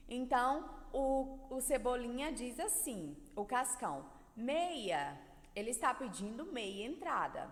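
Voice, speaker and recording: A woman's voice: fairly high pitch, expressive, measured pace, hardly any pauses, big-room sound. A woman teaching young children in Brazilian Portuguese, drawing out syllables and stressing words in a sing-song way. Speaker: primary school teacher. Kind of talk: recorded video lesson for children.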